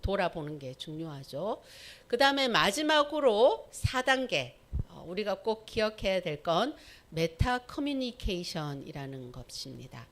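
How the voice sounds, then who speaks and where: A woman's voice: medium pitch, very animated, measured pace. A woman, a pastor's wife, teaching a church Sabbath school class. She asks the audience questions, says "예" between points, and acts out short everyday dialogues as examples.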